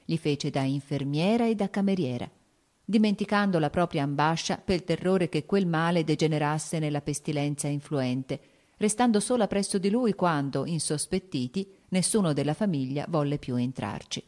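A woman reads a classic novel aloud in a measured, expressive way. Her voice sits low for a woman and sounds mellow and warm. The delivery is steady literary narration. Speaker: audiobook narrator.

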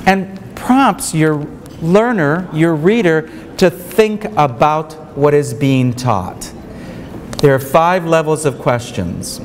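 Slow, emphatic man in a reverberant hall. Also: a little high. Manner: earnest, emphatic, repeats key points. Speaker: keynote speaker. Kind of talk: conference keynote lecture. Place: large hotel ballroom with seated audience. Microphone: podium microphone. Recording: reverberant hall, faint room noise.

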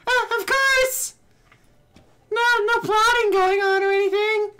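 A man voicing a bubbly high-school girl in a squeaky falsetto during a let's play. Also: unhurried, sharp tone, exaggerated voice. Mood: chirpy. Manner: squeaky falsetto, sing-song.

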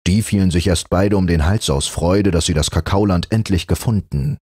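A man narrating a fairy tale as an audiobook, in a warm, expressive storytelling manner. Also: deep voice, normal speed, husky, no echo, studio quality.

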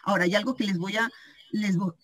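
A woman giving an informal training talk on a video call, telling lively anecdotes and acting out the voices of the people in them. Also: medium pitch, fast talker. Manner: animated storytelling, acting out quoted voices, frequent "¿sí?" check-ins. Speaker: cooperative store member giving a training talk.

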